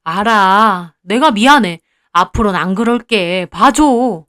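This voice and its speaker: A woman's voice: fairly high pitch, expressive, moderate pace, close to an everyday voice. A woman voicing a jealous, moody young boyfriend in a storybook-style drama, talking curtly and sulkily. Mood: wheedling. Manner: curt, sulky, then wheedling.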